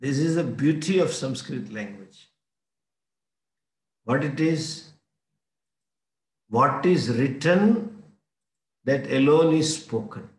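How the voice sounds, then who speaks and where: A man with an Indian English accent teaching a scripture class, explaining slowly and often chuckling. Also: medium pitch, lively intonation, reverberant. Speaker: spiritual teacher.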